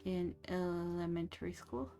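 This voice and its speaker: A young woman whose first language is French streams a game and chats casually, rambling slowly with many fillers and restarts. Her voice is fairly low and mellow, with soft music in the background.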